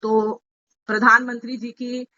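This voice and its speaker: A fairly high, bright and forceful woman's voice explains things patiently to a group over an online call, often telling listeners to write points down. The audio is dull and lo-fi, the way a video call sounds. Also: level tone, takes it slowly. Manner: explanatory, asks listeners to take notes, mixes English terms. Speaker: party speaker addressing women members. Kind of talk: online meeting talk explaining a housing scheme.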